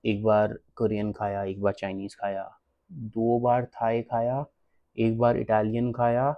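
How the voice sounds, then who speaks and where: Blunt animated man, dull lo-fi sound. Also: on the low side, measured pace, no room sound. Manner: blunt, animated, switches between Hindi and English. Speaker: travel vlogger. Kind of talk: casual travel advice chat.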